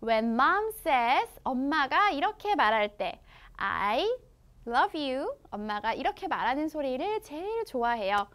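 A woman with a Korean accent teaching children English through a picture book, reading the English slowly and explaining each part in her own language. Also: high-pitched, very animated, a bit bright. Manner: slow, exaggerated English read-aloud with quick explanations in her own language. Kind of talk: bilingual storybook lesson for children.

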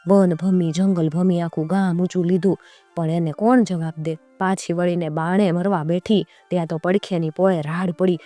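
A woman's voice: fairly low pitch, steady tone, moderate pace, warm tone, faint music behind. A woman narrating a folk tale in a rhythmic, sing-song storyteller's way.

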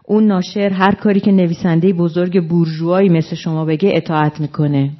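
A woman's voice: fairly low pitch, fairly even intonation, close to an everyday voice. A woman reading an indignant male playwright. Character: irritated, breathless male playwright in a heated quarrel. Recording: dull lo-fi recording.

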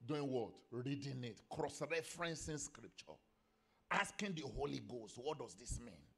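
Animated, lively-pitched male preacher. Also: measured pace, gravelly, husky. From Nigeria. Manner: animated preaching, rising to emphatic scripture reading and dropping to quiet asides; laughs between stories. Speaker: pastor. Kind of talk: sermon. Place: church.

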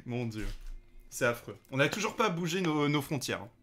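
A man's voice: fairly high pitch, fairly bright tone. A man hosting a let's play, chatting casually with lots of hesitations and fillers and addressing the game's characters directly. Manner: hesitant, many fillers, talks to game characters. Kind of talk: casual gameplay commentary.

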